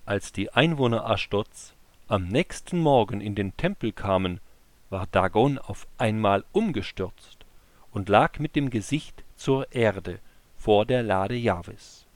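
A man reading a scripture passage aloud as scripted narration, with a measured, even delivery. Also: lowish voice, dry recording. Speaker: Bible reader.

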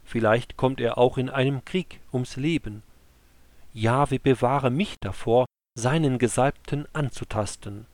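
A man's voice: mid-range voice, a little slow, darkish tone, no echo, natural voice. A man voicing an earnest young male warrior in a scripture story, with a raised, pleading delivery. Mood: solemn.

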